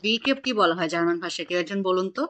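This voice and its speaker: A woman's voice: on the low side, rapid-fire, fairly bright tone. A woman teaching an online German class, patiently quizzing her students on pronunciation over a video call.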